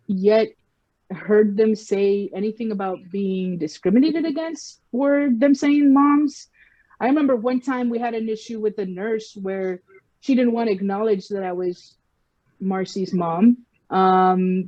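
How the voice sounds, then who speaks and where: A guest on a casual podcast, a woman with a South Texas accent speaks frankly and conversationally, using many fillers. Her mid-range voice is warm with no room sound, though the lo-fi recording is slightly muffled.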